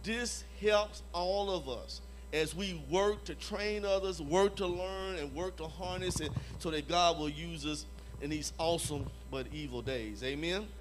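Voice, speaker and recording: Man, high-pitched voice, emphatic preaching, calls for amen, church conference talk. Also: measured pace. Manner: emphatic, repeats phrases, calls for "Amen?" from the audience. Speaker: conference evangelism leader. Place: church hall before a live audience.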